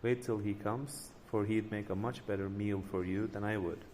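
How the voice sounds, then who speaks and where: A man's voice: fairly low pitch, fairly even intonation, moderate pace, darkish tone, long reverb tail, slight background noise, close to an everyday voice. A man voicing a small, frightened young male goat who pleads timidly to be spared. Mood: pleading.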